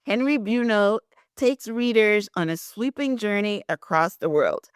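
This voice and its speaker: A woman's voice: medium pitch, unhurried, clear, resonant tone, no room sound, clean studio sound. A woman from Guyana hosting a podcast interview, chatty and affirming, with many "very nice" replies. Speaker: podcast host. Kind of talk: podcast interview with reading of a synopsis.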